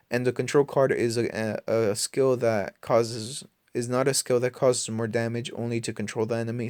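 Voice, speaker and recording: A man's voice: mid-range voice, dry recording, clean studio sound. A tired man giving rambling, informal game commentary late at night, in a slangy, offhand way. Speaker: mobile game video creator.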